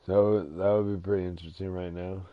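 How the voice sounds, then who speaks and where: A man live-streaming a game from his dim living room, rambling in a sleepy, drowsy monotone. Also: low-pitched, a little fast, no echo. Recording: dull lo-fi stream audio with faint music.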